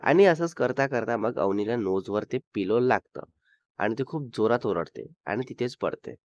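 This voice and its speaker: A man telling a romantic couple story in steady narration. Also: medium pitch, normal speed, no echo. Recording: dull dry sound.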